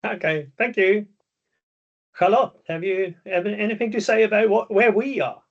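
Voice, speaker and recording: A man's voice: high-pitched, moderate pace. A man moderating an online meeting, calling on each speaker in turn with a laugh. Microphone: video call. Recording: muffled video call audio.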